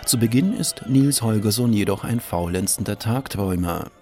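A man with a somewhat low voice reads a scripted radio review. His delivery is measured and even. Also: faint music behind. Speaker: radio critic.

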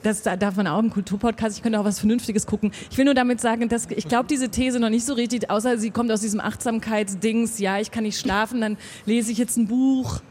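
A woman hosting a culture podcast, moderating in a brisk, frank and joking manner. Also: a little high, steady tone, darkish tone, a little hiss or hum. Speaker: podcast host. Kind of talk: moderating a panel discussion.

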